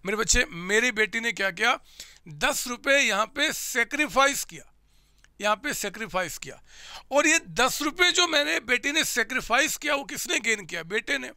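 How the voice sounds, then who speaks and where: Man, 30s, commerce teacher, animated lecture, high voice, very bright tone. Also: normal speed, dry recording, clean studio sound. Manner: animated, asks questions and answers them himself. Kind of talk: classroom lecture with home examples.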